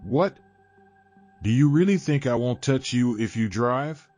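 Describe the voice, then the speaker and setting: A man's voice: medium pitch, lively intonation, a little slow, darkish tone, dry recording, soft background music, lightly acted. A man voicing an aggressive, mocking young male passenger in a horror story. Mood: taunting. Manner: taunting, belligerent.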